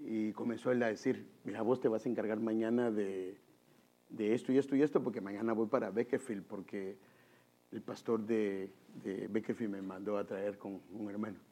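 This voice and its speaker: A fairly low-pitched man preaches at a moderate pace, weaving stories into his sermon. Animated throughout, he calls the congregation "brother" again and again.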